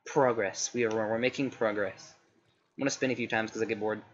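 In a fairly low, brisk voice with fairly even intonation, a young let's play host chats rambling commentary over his gameplay. His voice is slightly scratchy, he often self-corrects mid-sentence, and the home recording sounds slightly dull with faint noise.

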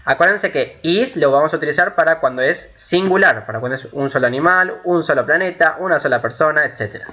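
Bright-voiced man teaching English grammar. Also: on the high side. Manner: patient, repetitive, checks understanding with frequent "ok?"; switches between Spanish and slow, carefully spoken English. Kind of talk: recorded online lesson explaining grammar. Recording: dull lo-fi home recording with faint hiss.

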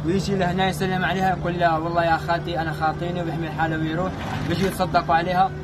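Very fast, indignant young man. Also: high voice, level tone, heavy background noise. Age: 20s. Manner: indignant, insistent complaining. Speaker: interviewee. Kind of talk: spontaneous street interview. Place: outdoors among a crowd. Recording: loud music and crowd outdoors.

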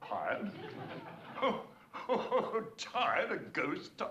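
An actor playing a jovial older English duke with an English accent and a plummy, chuckling manner. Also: male voice, high voice, wildly swooping pitch, drawn-out words, muffled recording, exaggerated voice. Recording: echoey, hissy old TV soundtrack.

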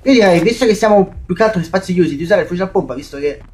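A man's voice: high-pitched, expressive, very fast, a little mellow. A young man, commentating a shooter game, swearing and talking to his viewers. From Italy. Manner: swearing, jumpy, talks to viewers as "raga". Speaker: gaming YouTuber. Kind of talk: let's play commentary. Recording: faint game noise and gunfire behind.

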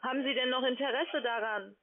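A call center agent in an open-plan office speaks in a high-pitched, brisk voice, curt and impatient, on a phone sales call that turns into an argument. The audio comes through a telephone.

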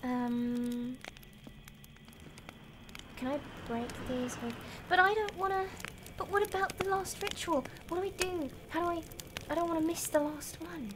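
A middle-aged woman, a game streamer and voice actress, gives casual gameplay commentary while seated at a desk in an indoor room, musing aloud to herself. Her voice is very high and a little slow. Game music and other background noise can be heard.

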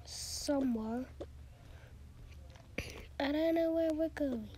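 Female player as a very slow, hesitant substitute teacher. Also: high-pitched, warm tone. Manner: halting, forgetful. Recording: noisy home recording with clicks.

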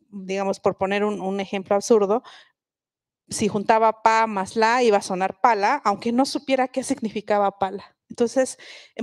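A woman's voice: medium pitch, darkish tone, no room sound. Reflective woman, dry close sound. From Oaxaca, Mexico. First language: Mixe. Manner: reflective, explanatory, with frequent restarts. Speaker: guest speaker, linguist. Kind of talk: public talk at a book festival.

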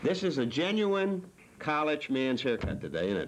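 A man's voice: a little high, very animated, normal speed, noisy background. A man hosting a cable TV talk show from a studio, joking and teasing in a rambling way. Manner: playful, teasing.

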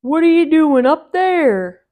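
A woman's voice: high voice, big pitch swings, slow, dark tone, voice pushed up, exaggerated voice. A woman voicing a friendly, gullible male storybook bear with a naive, exclaiming manner. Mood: curious, impressed.

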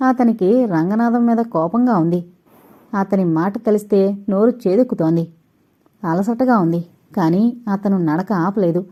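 Woman reading an audio novel, mellow. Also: mid-range voice, muffled recording. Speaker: narrator.

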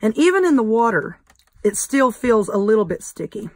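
A Southern woman with a croaky, hoarse voice, chatting through a craft tutorial for her viewers. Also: fairly high pitch, big pitch swings, normal speed, dry recording. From North Carolina. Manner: friendly, chatty, addresses viewers as y'all. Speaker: crafting channel host.

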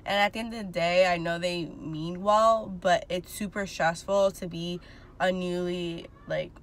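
A young woman in her twenties vlogs from her parked car, phone at arm's length, chatting candidly and filling her rambles with fillers. Her voice is on the low side, unhurried, with fairly even intonation.

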